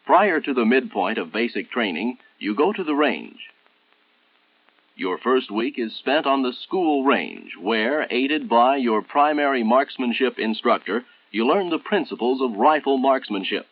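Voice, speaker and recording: An American man narrates a 1960s military training film, his delivery formal, measured and instructional. The old film soundtrack has phone-quality sound, and his medium-pitched voice is very animated.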